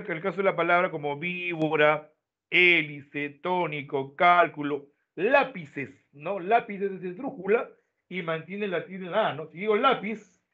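Man, teacher, step-by-step explanations, lo-fi phone-line sound. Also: a little high. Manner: explains step by step, tags lines with "¿no?". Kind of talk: online class lecture. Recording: tinny phone-like online audio.

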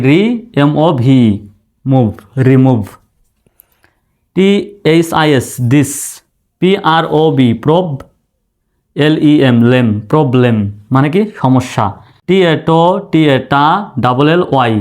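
Slow, careful male English teacher. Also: mid-range voice, clean tone. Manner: spells words letter by letter, then says them slowly. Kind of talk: spelling and pronunciation lesson.

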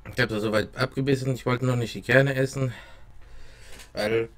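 A young man of average pitch talks casually into a close desk microphone. His mouth is burning and watering from spicy food, so his speech comes out halting. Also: fairly even intonation. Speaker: vlogger doing a hot chili taste test. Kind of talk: casual talk to camera. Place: small dim room at home. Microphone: close desk microphone with pop filter.

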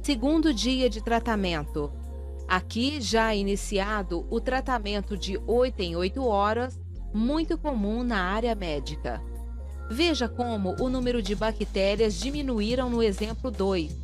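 A woman reading a scripted lesson for pharmacy assistants in a steady, even way. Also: a little high, unhurried, soft background music. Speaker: course narrator. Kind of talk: scripted instructional narration.

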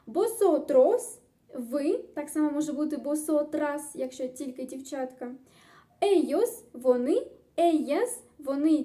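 A Spanish tutor with a high-sitting voice and a dark tone teaches a grammar lesson. She explains things step by step, staying upbeat and encouraging.

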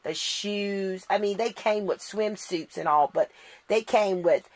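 A woman's voice: medium pitch, measured pace. A middle-aged woman unboxing a doll outfit in casual chat, tired, gushing and repeating words for emphasis. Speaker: doll collector vlogger.

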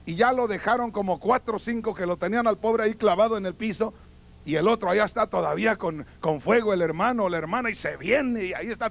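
A man, a pastor, giving an earnest teaching sermon and addressing the congregation directly. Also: high-pitched. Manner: acts out quoted voices in his teaching.

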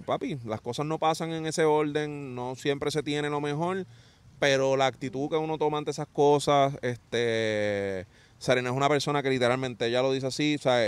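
Slangy, smooth-voiced man. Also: medium pitch, moderate pace, no room sound. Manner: animated storytelling, acting out quotes, street slang. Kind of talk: casual chat.

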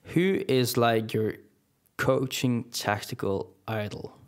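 A man's voice: medium pitch, slow pace. A young man, chatting casually and rambling with many restarts and fillers. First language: Norwegian. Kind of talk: casual chat.

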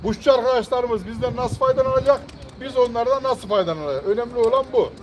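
A man's voice: extremely high pitch, quick pace, noisy background. A man chatting casually and emphatically, often repeating his phrases. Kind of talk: casual chat.

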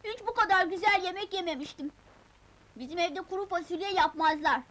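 Brief: pampered young girl, piercing high bright voice, petulant, 70s comedy film. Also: fairly quick. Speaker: female lead. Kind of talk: 1970s film comedy acting.

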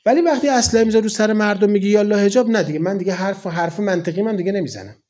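A man's voice: sits high, expressive, a little mellow. A man in his forties from Iran, a cleric giving a colloquial, conversational sermon full of rhetorical questions. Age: 40s.

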